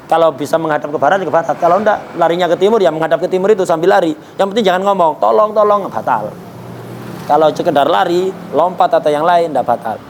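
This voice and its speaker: A man's voice: fairly high pitch, a little mellow, a little hiss or hum. Man teaching jurisprudence, conversational. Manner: conversational, rhetorical questions, jokes. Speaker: religious teacher. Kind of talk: Islamic jurisprudence lesson.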